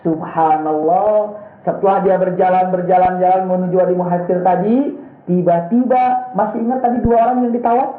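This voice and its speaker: A man preaching a storytelling sermon, acting out the characters with a raised voice and frequent chuckles. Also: moderate pace. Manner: animated, acts out characters with raised pitch, chuckles often. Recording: echoey room on a tinny phone-like line.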